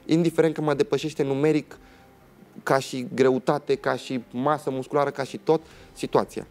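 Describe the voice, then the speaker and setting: A man's voice: mid-range voice, creaky, darkish tone. A young man, a guest on a TV talk show, telling a personal story in a dramatic way and acting out what other people said.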